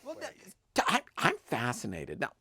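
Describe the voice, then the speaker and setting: A woman's voice: very deep voice, wildly swooping pitch, normal speed, sharp tone, husky, dry recording, studio quality. A woman co-hosting a casual comedy chat show, teasing and theatrical, with a habit of repeating catchphrases. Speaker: co-host.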